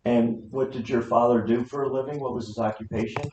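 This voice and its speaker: A man's voice: medium pitch, fairly even intonation, fairly quick, a little mellow. An American man interviewing someone, asking simple questions in turn. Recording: muffled, echoey room, faint noise.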